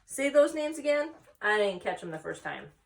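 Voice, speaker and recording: A woman's voice: mid-range voice, sing-song, moderate pace, vocal fry. A woman voicing a naive, curious young male pig in a storybook read aloud, a little distant from the mic. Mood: curious, amazed.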